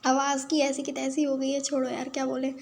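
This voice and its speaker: A woman with a hoarse, worn-out throat giving playful, self-mocking casual commentary over her game stream. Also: sits high, completely flat delivery, a little fast, darkish tone, a little hiss or hum.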